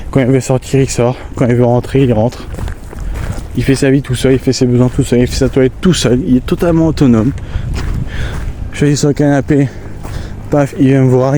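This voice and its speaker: Out in the countryside, a man filming a casual walking vlog on his phone chats away through a cold-blocked nose. His pitch is medium, his manner easygoing and prone to tangents, and there's slight noise in the background.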